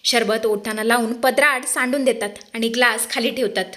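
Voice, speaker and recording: A woman narrating a dramatic TV serial recap in an expressive way, addressing the audience directly. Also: a little high, normal speed.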